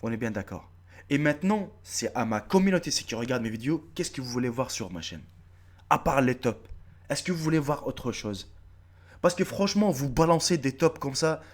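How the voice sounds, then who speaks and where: Animated man with a North African accent. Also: mid-range voice, normal speed. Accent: North African French. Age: 30s. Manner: animated, swearing, repeating himself, addresses viewers directly. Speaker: YouTube video creator. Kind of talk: casual face-to-camera vlog.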